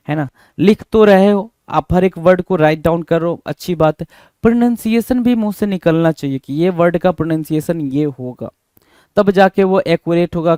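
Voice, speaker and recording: A male teacher from India giving a spelling lesson in Hindi, repeating each word and spelling it out slowly letter by letter while talking straight to his students. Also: on the high side, darkish tone, clean tone, no room sound. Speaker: English teacher.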